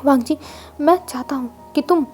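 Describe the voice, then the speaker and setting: A woman voicing a stern older uncle who explains things in a measured way. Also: high voice, darkish tone, soft background music, natural voice. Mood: serious.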